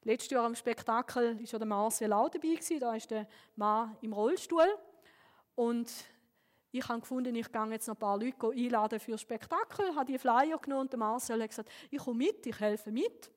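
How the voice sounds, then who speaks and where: A woman pastor with a Swiss German accent, preaching a sermon through personal stories in an earnest, lively way. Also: fairly high pitch, normal speed, long reverb tail.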